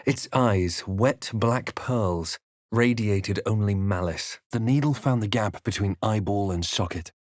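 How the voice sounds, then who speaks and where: Man acting a low-voiced, brooding adventurer hero. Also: a little slow, no room sound, studio quality, close to an everyday voice. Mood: grave, dramatic. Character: male adventurer hero, composed, brooding, recounting his journey. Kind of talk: video game voice lines, dramatic first-person narration.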